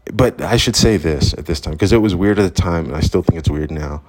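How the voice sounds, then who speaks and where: A low-voiced man with a husky, grainy tone tells a personal story in a loose, rambling way. He is candid and swears freely, talking outdoors as if to a friend. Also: brisk. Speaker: vlogger. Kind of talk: casual storytelling. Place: outdoors at sunrise.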